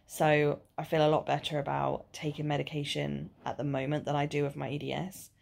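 Weary woman with a sore jaw, low-pitched. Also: monotone, fairly quick, gravelly, a little mellow. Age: 20s. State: sore jaw after dental surgery, mouth not opening fully; tired and nauseous. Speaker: vlogger. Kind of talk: casual video diary. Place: small living room or bedroom at home.

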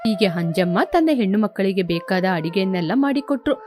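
A woman narrating a storybook tale in a plain, steady way. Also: mid-range voice, a little fast, over music.

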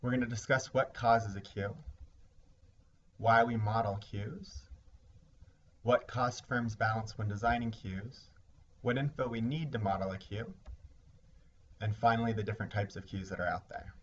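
A man teaching a recorded lesson, explaining ideas step by step in a measured way. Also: fairly low pitch. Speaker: instructor. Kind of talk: recorded lecture. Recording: slightly dull lo-fi recording with faint hiss.

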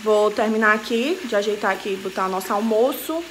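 A young woman vlogs casually from her kitchen and living room, holding the camera at arm's length and talking straight to her viewers. Her voice sits in the mid-range and moves fairly quickly. There's a noisy background behind her.

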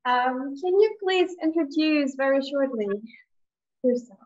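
A woman's voice: sits high, unhurried, a little mellow, dull audio. Hesitant woman presenting over a video call. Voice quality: hesitant, with frequent ums and rhetorical "right?". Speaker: presenter and software trainer. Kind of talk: webinar presentation.

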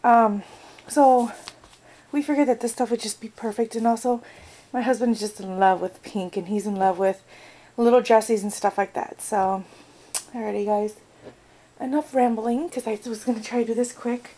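A woman's voice: on the high side, fairly even intonation, moderate pace, mellow, low-quality recording. A young American woman chatting casually in a vlog, rambling with lots of fillers. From United States. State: out of breath. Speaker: vlogger.

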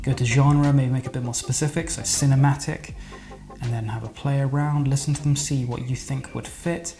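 A man walking through video editing steps in a casual, chatty tutorial, relaxed and loose with his wording. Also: medium pitch, a little fast, music in the background. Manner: chatty, relaxed, with fillers and laughs. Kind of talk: casual screen-recorded tutorial.

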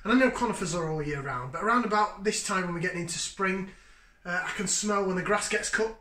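Talking fast in a high, sharp voice, a man in his thirties gives a chatty, enthusiastic review of a beer, sniffing and sipping as he goes. He's in his home kitchen, which sounds echoey. A fixed camera at table distance records the casual tasting.

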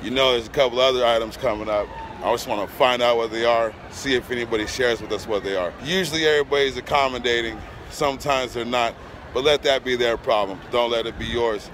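Talking fast in a slightly bright, mid-range voice, this thirtysomething vlogger narrates from a phone camera held out at arm's length as he wanders a packed ballpark concourse and its outdoor areas. He's cheerful and chatty with the fans around him, while crowd noise and music fill the background.

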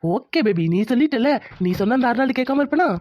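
A woman's voice: high-pitched, animated, fast, darkish tone, no echo. A woman voicing a pushy, lovestruck young village man who talks insistently. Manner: insistent, clingy. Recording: dry, dull lo-fi sound.

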